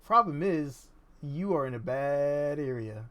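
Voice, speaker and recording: A man chatting casually while playing an online game with a friend, upbeat and quick to laugh. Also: on the high side, a crowd in the background. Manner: upbeat, laughs often, excitable. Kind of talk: casual gaming chat.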